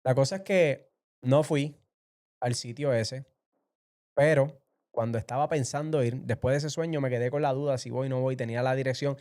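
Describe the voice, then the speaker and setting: A man tells his story in an emotional, vivid way. His voice is dark and mellow yet smooth and clear, and he acts out the people he quotes. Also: medium pitch, steady tone, moderate pace. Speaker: interview guest sharing testimony. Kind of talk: emotional personal testimony.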